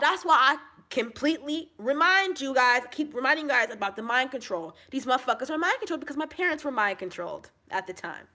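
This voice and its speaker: A woman venting straight to camera in a high, bright voice with a forceful edge. She rants angrily and profanely, repeating herself, at times loud and at times dropping low and quiet. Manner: angry, profane ranting with repeated phrases; swings between shouting and low, subdued talk. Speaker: vlogger.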